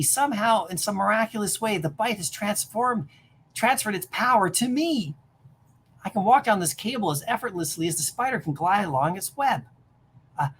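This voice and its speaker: A woman reading aloud as a bullied teenage boy, speaking in excited, breathless exclamations. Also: mid-range voice, slight background noise, close to an everyday voice.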